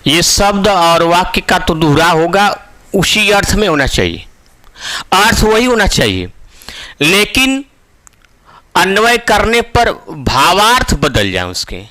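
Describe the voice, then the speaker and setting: A man teaching Hindi grammar as a classroom lecture, who repeats each phrase slowly for emphasis and asks the class questions. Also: high-pitched, sing-song, bright, forceful tone, dry recording.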